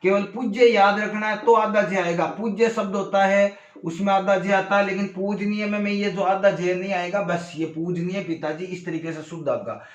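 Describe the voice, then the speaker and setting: A male teacher with a Rajasthani Hindi accent, giving an exam-prep grammar lesson and addressing his viewers as friends while explaining slowly through spoken examples. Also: high-pitched, reverberant, highs cut off.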